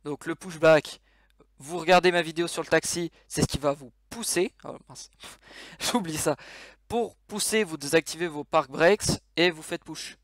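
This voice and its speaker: A man's voice: on the high side, normal speed, no room sound, studio quality. A man giving a casual game tutorial over his screen, explaining controls with many fillers and restarts.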